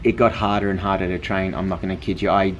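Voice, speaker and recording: A man's voice: low-pitched, little pitch movement, quick pace, lo-fi sound. Blunt Australian man telling his story. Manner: frank, blunt, swears casually. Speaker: vlogger. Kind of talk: casual storytelling. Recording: noisy with vehicle hum behind.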